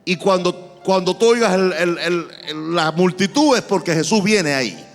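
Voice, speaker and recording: A Venezuelan pastor preaches a sermon with a high, animated voice, acting out a story with drama. He sounds from a large church with long reverb and soft music underneath. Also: normal speed.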